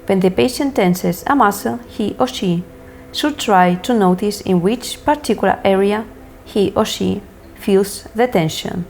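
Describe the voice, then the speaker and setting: A woman instructor reading scripted lesson narration in a measured, deliberate way, setting out each step separately. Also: mid-range voice, darkish tone, slight background noise. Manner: measured, deliberate, enunciating list items one by one. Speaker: hypnosis course instructor.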